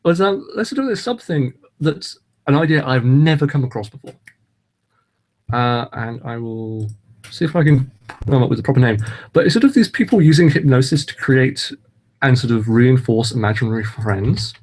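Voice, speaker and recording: Male podcast host, mid-pitched, meandering delivery full of ums and restarts. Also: expressive, normal speed, darkish tone. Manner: rambling, hesitant, lots of ums and restarts. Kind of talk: casual chat.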